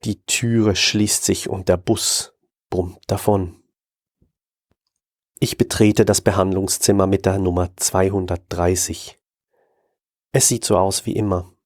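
Male narrator for a horror audiobook, low voice, calm and measured, very dry close recording. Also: dry recording. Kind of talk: scripted first-person horror story reading.

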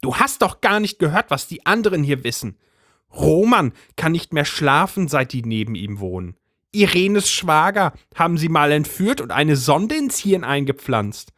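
A shrill, bossy middle-aged housewife from a storybook reading, convinced of a conspiracy and nagging her husband without pause, as a man puts her on. Her voice sits well above a man's and leaps about wildly. The sound is close and dry. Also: big pitch swings, a bit bright, dry recording. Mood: indignant.

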